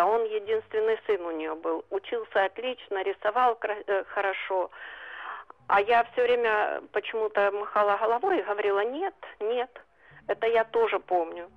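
A woman in her seventies, calling a radio show and earnestly telling a long memory. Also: mid-range voice. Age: 70s. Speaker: radio caller. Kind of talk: phone-in recollection. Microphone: telephone. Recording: phone line.

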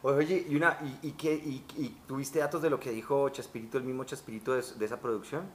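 A man's voice: medium pitch, steady tone, a little fast, slight background noise. A man hosting an interview, asking questions and reacting with short enthusiastic interjections. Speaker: interviewer host.

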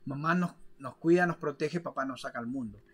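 A man's voice: mid-range voice, a little fast, fairly bright tone, breathy edge. A man giving a video lesson, explaining step by step, often checking with "ok?" and "¿de acuerdo?", and showing examples with his hands. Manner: didactic, checks in with frequent "¿ok?" and "¿de acuerdo?". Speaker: biodecoding teacher.

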